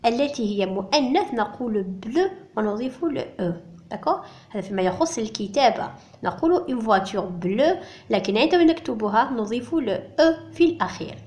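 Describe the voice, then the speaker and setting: A woman teaching primary school French, explaining slowly and patiently and repeating each word for her pupils. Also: fairly high pitch, darkish tone. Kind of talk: bilingual classroom explanation.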